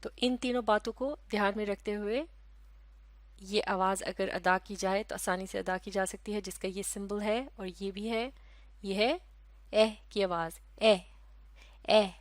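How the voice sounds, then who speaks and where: A woman from Pakistan gives a recorded English phonetics lesson with a Pakistani Urdu accent. She speaks patiently at a middling pitch, repeating each sound slowly several times. Her voice is dry and close to the mic. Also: steady tone, no room sound. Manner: patient, explains step by step. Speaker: English teacher.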